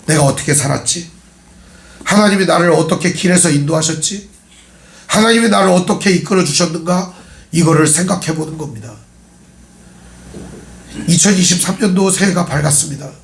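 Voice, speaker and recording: A male pastor with a cold, preaching in a chatty way that quizzes his congregation and slips in jokes. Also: fairly high pitch. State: has a cold. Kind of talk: sermon. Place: church sanctuary. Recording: echoey church hall.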